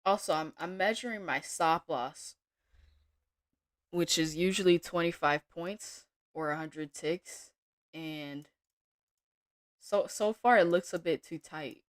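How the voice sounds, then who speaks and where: A woman day trader giving casual live-stream commentary from her home desk, thinking aloud in a relaxed way with small restarts. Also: lowish voice, slow, pauses often, dry recording, clean studio sound.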